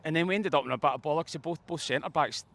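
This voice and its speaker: A man with a slightly high, somewhat bright voice and vocal fry talks fast outside a football stadium, giving effusive, opinionated post-match reaction as a fan pundit. He speaks in long, wordy stretches while street noise carries on behind him.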